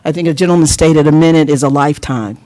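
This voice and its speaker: An older woman from North Carolina giving an earnest, measured public comment at a council hearing, with a little wry humor. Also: low voice, dark tone. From Lenoir, North Carolina. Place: city council chambers.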